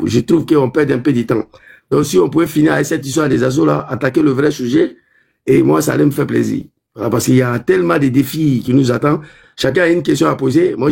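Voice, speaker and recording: Man, gravelly, husky, pleading, live panel speaker. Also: mid-range voice. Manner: pleading, tries to move the talk on.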